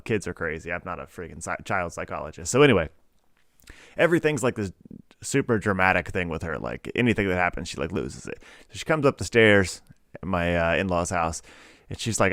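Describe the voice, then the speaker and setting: Low-voiced dad telling stories on a podcast. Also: male voice, dry recording, clean studio sound. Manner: relaxed storytelling, many fillers. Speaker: podcast co-host. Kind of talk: casual chat.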